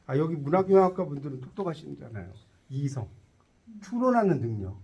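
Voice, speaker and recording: A man's voice: fairly high pitch, very animated, a little fast, warm tone, highs cut off. A man teaching a tarot lecture to a class, quizzing his students and cracking jokes as he explains. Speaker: tarot instructor.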